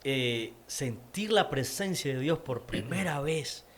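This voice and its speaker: A man's voice: mid-range voice, expressive, slow, a little hiss or hum. Nicaraguan man telling an emphatic story. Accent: Nicaraguan Spanish. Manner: emphatic storyteller, repeats words for stress. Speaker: interview guest. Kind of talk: personal faith testimony in conversation.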